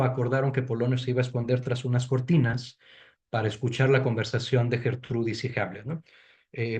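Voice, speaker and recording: A man's voice: medium pitch, a little mellow. A man giving an explanatory lecture to a study group, thinking aloud with frequent restarts and checking in with tag questions. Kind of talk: explanatory lecture on a literary reading.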